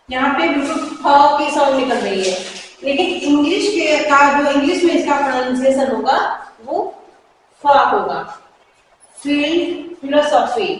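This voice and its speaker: A woman teaching English pronunciation in Hindi, slowly repeating each example word. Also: sits high, slight background noise. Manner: slow, repeats example words with care. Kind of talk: Hindi-medium pronunciation lesson. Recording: echoey room, mic far off.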